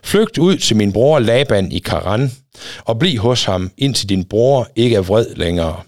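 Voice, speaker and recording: A man's voice: on the low side, lively intonation, dry recording, clean studio sound. A man reading aloud, voicing the worried mother Rebekah with an urgent warning tone.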